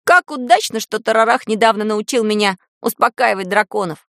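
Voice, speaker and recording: A woman voicing a brave young boy wizard who talks softly and earnestly in an audiobook. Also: mid-range voice, fairly quick, no echo, studio quality, close to an everyday voice.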